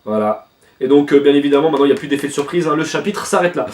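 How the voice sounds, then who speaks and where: A man's voice: a little high, animated, very fast, a little mellow, echoey room, distant mic, slight background noise. A young man hosting a casual manga reaction video, talking informally with lots of fillers and some swearing.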